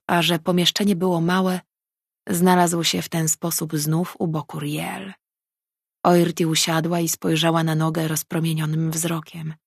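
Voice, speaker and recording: A woman reading a novel aloud as an audiobook narrator, in calm, even storytelling. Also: on the low side, creaky, husky, dry recording, clean studio sound. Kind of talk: scripted narration.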